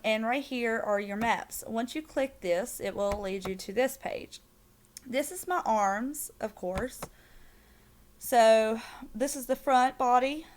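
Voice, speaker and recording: A young woman with a strong Southern US accent, talking through a screen-recorded software tutorial in a chatty way, with plenty of "um"s and little apologetic asides. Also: a little high, slight background noise. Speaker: tutorial maker.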